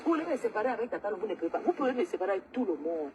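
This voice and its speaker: A woman's voice: medium pitch, sing-song, racing, a crowd in the background, rough recording. A woman, ranting angrily and repetitively during a live stream. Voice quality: agitated, loud, repetitive ranting. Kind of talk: angry social media livestream rant.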